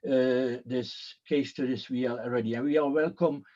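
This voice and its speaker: On a muffled call, a man gives conference panel remarks in a mid-range, steady, darkish voice at a normal speed. He's hesitant as a panelist, with many fillers and restarts.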